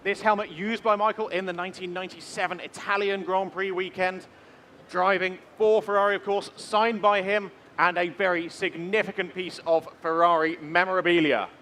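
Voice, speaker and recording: A man presenting lots at a live auction with formal, measured introductions. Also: sits high, steady tone, pushed and bright. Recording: live event with faint background noise.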